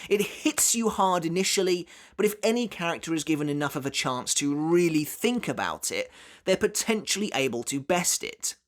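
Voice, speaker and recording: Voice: mid-range voice, animated, normal speed. A narrator reading scripted top ten countdown commentary in a dramatic, emphatic way, drawing out key words. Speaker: narrator of a ranked countdown video.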